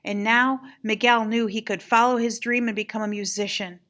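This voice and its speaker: A woman's voice: on the high side, normal speed. An older woman with a grandmotherly voice reads a children's story aloud, expressively and with dramatic emphasis. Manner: animated, dramatic emphasis on exclamations and key moments.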